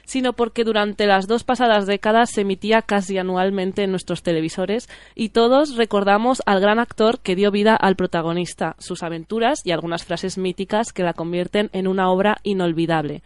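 A woman's voice: medium pitch, a little fast, clean tone, dry recording. A woman hosting a film show, presenting in a semi-scripted way. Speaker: radio film show host.

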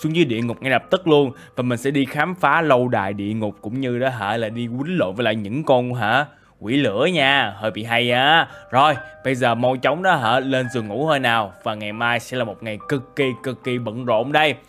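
A man doing chatty, excitable game role-play commentary with lots of filler tags. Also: medium pitch, brisk, soft background music. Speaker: gaming YouTuber.

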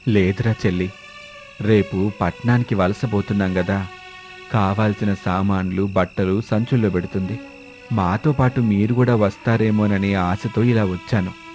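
A man's voice: fairly low pitch, fairly even intonation, normal speed, a little mellow, faint music behind, voice pushed down, close to an everyday voice. A man voicing a worried village farmer who earnestly pleads with his neighbor in a cartoon story. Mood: pleading.

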